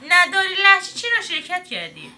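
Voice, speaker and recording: A woman's voice: very high voice, huge pitch swings, heavily acted. A woman playing a brusque female talent-show judge who cuts singers off, in a comedy sketch. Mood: scolding. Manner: brusque, shouts "cut" repeatedly.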